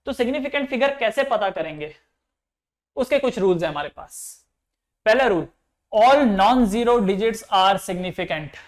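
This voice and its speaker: A young man teaching physics in Hindi with English terms mixed in, explaining step by step and asking his students questions. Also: high-pitched. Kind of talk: classroom lecture.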